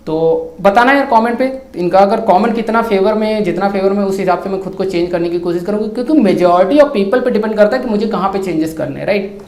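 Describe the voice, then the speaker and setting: A man's voice: high voice, quick pace, a little mellow. A man, a YouTuber, talking casually to his viewers and answering their comments, mixing Hindi and English and keeping up a stream of yaar and bhai. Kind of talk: casual talk to camera. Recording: echoey room.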